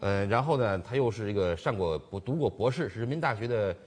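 A man's voice: lowish voice, lively intonation, fast, breathy edge. A man co-hosting a commentary show, retelling events in a rambling way with many restarts and fillers. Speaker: co-host, commentator. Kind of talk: political commentary chat.

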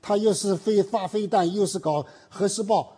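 Very husky-voiced male talk host. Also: high voice, normal speed, warm tone. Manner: leads the talk with questions and rebuttals. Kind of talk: political commentary chat.

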